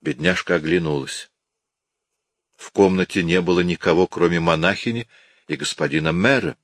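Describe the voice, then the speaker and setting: A man narrating an audiobook in a measured, dramatic reading. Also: sits low, very animated, vocal fry, a bit bright, no echo, studio quality. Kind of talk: scripted narration.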